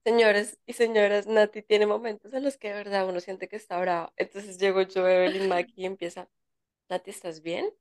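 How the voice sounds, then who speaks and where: A young Colombian woman co-hosting a podcast, chatting in a relaxed way and telling stories with quoted dialogue. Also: medium pitch, fairly quick, few pauses, clean tone, dry recording, clean studio sound. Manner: relaxed, storytelling, quotes others with feeling. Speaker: podcast co-host. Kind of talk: casual chat.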